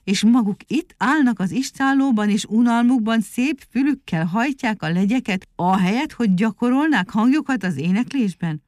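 A woman's voice: fairly high pitch, animated, few pauses, a little mellow, no room sound, studio quality, pitched above the performer's own voice, close to an everyday voice. A woman putting on a fawning trickster critter. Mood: flattering. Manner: wheedling, fawning, theatrical praise. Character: sly flattering trickster animal posing as singing teacher. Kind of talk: storybook reading.

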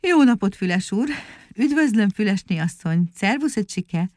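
A woman reading a storybook aloud, voicing a sly, flattering trickster animal who poses as a singing teacher in a wheedling, theatrical tone. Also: medium pitch, no echo, lightly acted. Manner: wheedling, fawning, theatrical praise.

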